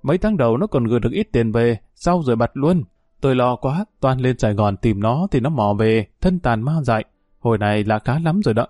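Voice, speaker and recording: A man's voice: mid-range voice, lively intonation, brisk, darkish tone, dry recording, close to an everyday voice. A weary, grieving old villager with a Northern Vietnamese accent, his talk heavy with sighs, as a man reading the story puts him on. Faint music sits under a very dry, close voice. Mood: mournful. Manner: sighing, mournful talk.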